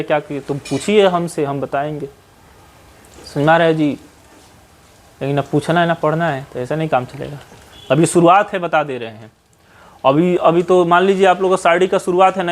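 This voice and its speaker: A man with a Bihari Hindi accent teaching mathematics in a classroom, advising students at length and tagging his sentences with "है ना?". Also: a little high. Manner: scolding, advising, with frequent "है ना?" tag questions. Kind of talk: classroom lecture. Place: classroom with whiteboard.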